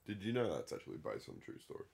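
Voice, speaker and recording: A man's voice: low-pitched, very animated, rapid-fire, creaky, darkish tone. An Australian man co-hosting a podcast, chatting casually with a mate in a laid-back, blokey, sweary way. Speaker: podcast co-host. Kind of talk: casual banter between friends.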